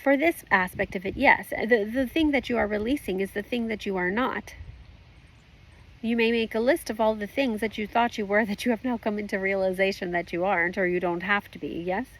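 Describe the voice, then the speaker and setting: A woman voicing a calm, formal spirit guide as a seance medium, with creaky voice, stilted phrasing and questioning tags. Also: mid-range voice, fairly quick, close to an everyday voice, rough recording. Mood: calm, instructive. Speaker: trance channeler at a group session. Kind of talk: trance channeling, spiritual guidance.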